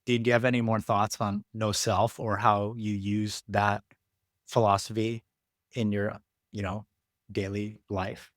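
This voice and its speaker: An American man hosting a podcast, talking in a relaxed, reflective and chatty way with lots of "like"s. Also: fairly low pitch, a little slow, no echo, clean studio sound. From United States. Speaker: podcast host. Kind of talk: casual podcast conversation.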